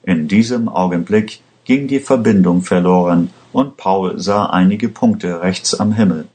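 A man narrating a story in a slow, measured reading for learners. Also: deep voice, a little mellow. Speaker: audiobook narrator. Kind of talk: scripted narration.

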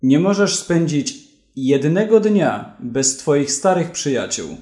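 A man's voice: fairly high pitch, very animated, takes it slowly, a little mellow. A man voicing a dry, sarcastic police detective in a read-aloud story. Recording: roomy echo.

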